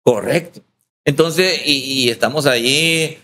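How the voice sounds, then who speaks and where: A man's voice: medium pitch, slow pace, sharp tone, a little hiss or hum. A man from El Salvador, a pastor, telling his story in an interview and acting out the quoted dialogue.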